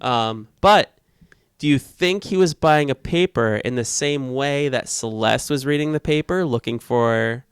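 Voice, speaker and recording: A man's voice: medium pitch, measured pace, clean tone, no echo. A man co-hosting a casual chat, talking loosely with restarts and the odd swear word. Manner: loose, rambling, with fillers and mild swearing. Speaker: co-host. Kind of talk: casual discussion of book versus film.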